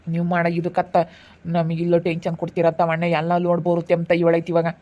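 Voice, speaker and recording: A woman's voice: on the low side, monotone, rapid-fire, mellow, highs cut off. A woman complaining in a family vlog, sounding exasperated. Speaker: family member. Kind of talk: casual family chat.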